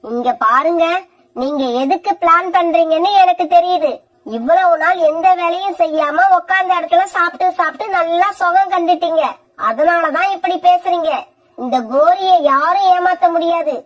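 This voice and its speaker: A high-voiced cartoon mother bird with a sharp, sarcastic tongue, as a woman acts her out. She scolds and threatens in quick, biting phrases. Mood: scolding.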